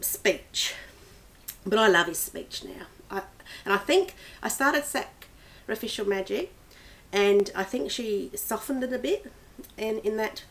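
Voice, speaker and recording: A woman reviewing books in a casual, rambling vlog, with many restarts and small laughs. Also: medium pitch. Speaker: book vlogger. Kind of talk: casual book review chat.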